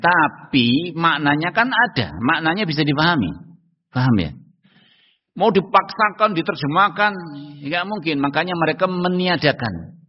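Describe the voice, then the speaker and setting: An Islamic preacher delivers a religious study lecture, frequently checking whether his listeners understand and tossing out rhetorical questions. His mid-range voice has a slight roughness. The sound is dull, recorded in a hall with long reverb.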